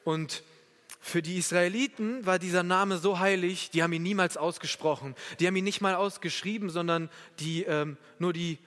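A man's voice: high-pitched, fairly even intonation, moderate pace, a bit bright. Emphatic preacher man in an echoey hall. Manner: emphatic, addresses the listeners directly. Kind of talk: sermon.

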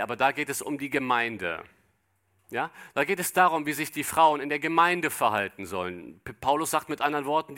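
A man's voice: fairly high pitch, bright, forceful tone. A man preaching an expository sermon, speaking straight to the congregation and asking them rhetorical questions. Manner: reads scripture aloud slowly.

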